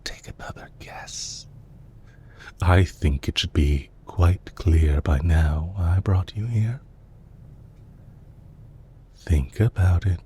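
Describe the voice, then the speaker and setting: A man takes on the role of a polished, calculating villain leader in an intimate audio roleplay, addressing the listener politely and softly with measured, lightly teasing courtesy. His voice is deep, and there's slight background noise. He sounds probing and assured.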